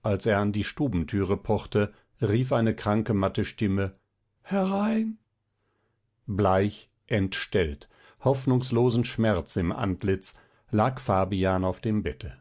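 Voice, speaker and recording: A man reading a classic tale aloud in a slow, measured, solemn manner. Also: lowish voice, darkish tone. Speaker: audiobook reader. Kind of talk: scripted narration of a classic tale.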